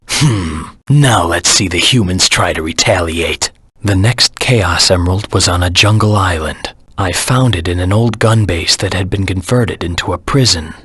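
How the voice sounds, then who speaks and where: Shadow the Hedgehog, deep, husky antihero. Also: male voice, a bit bright, no room sound, full character voice. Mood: menacing, defiant. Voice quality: husky, gravelly low voice. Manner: terse, grim, deliberate. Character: brooding, cold male anthropomorphic hedgehog antihero searching for his past. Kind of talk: video game character lines, scripted monologue.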